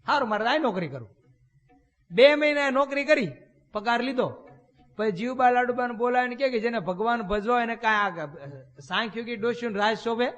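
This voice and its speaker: A man's voice: extremely high pitch, fairly quick, a bit bright. A man, a swami preaching in a temple hall, telling folksy stories full of rhetorical questions. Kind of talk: storytelling sermon. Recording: long hall reverb.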